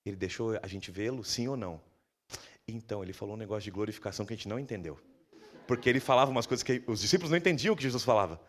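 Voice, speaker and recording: A man with a Brazilian Portuguese accent preaching a sermon in a church, telling the story vividly and acting out dialogue in a lowered voice. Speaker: pastor.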